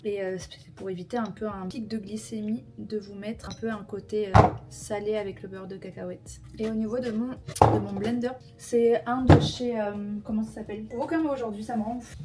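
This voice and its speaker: A young woman chatting casually to camera at home, self-deprecating and full of fillers as she vlogs her day. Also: medium pitch. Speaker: vlogger. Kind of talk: casual vlog narration. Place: home apartment, indoors.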